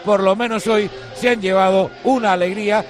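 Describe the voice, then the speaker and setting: A man's voice: sits high, fairly even intonation, fairly quick, over music. A man with an accent from Spain reporting live from the touchline of a football match. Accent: Spanish from Spain.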